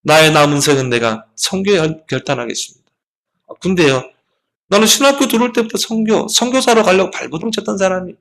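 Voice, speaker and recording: A man's voice: high voice, animated, fast talker, fairly bright tone. A man preaching a sermon as a pastor, telling his story with passion, his voice rising and falling sharply.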